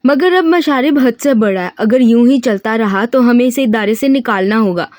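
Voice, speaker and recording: A woman's voice: a little high, darkish tone, dry recording, studio quality, lightly acted. A woman reading a formal male professor. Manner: polite, formal, measured. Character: stern, formal middle-aged male professor. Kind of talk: audiobook reading of a novel.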